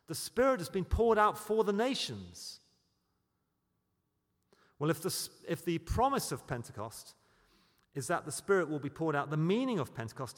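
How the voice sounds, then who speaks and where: A British man preaching a sermon, building to loud, emphatic peaks on key points. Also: mid-range voice, long reverb tail. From Britain.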